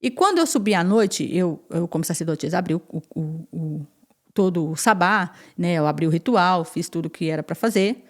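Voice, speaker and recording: A woman guest on a podcast, telling her personal testimony in an animated way, repeating phrases and acting out what others said. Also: fairly low pitch, a little fast. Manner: animated, repeats phrases and acts out quoted speech.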